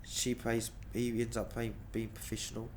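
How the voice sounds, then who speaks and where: A man's voice: medium pitch, monotone, normal speed, a little mellow, a little hiss or hum. A man with a broad New Zealand accent chatting casually as an interview guest, in laid-back blokey slang with repeated phrases. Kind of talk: casual chat.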